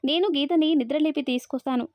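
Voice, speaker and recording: A lively, teasing young bride in a storybook telling, read by a woman. She sounds high and brisk. The recording is dry and dull. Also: no room sound, close to an everyday voice.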